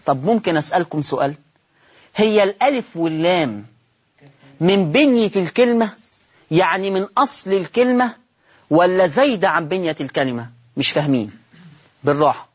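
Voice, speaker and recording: A man's voice: high-pitched, lively intonation, brisk, pauses often, husky, lo-fi sound. A man with an Egyptian Arabic accent teaching a religious lesson on Quran reading, repeating words and putting questions to his listeners.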